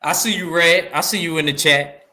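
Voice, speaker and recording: A man's voice: on the high side, brisk. Emphatic New York man in an echoey room. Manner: animated, emphatic, repeats himself. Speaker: podcast co-host. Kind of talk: casual boxing talk.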